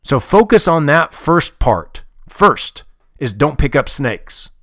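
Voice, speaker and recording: A man's voice: on the high side, big pitch swings, takes it slowly, a bit bright, no echo, clean studio sound. A man giving a motivational talk, blunt and heavily profane, hammering home his points with emphasis. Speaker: motivational speaker.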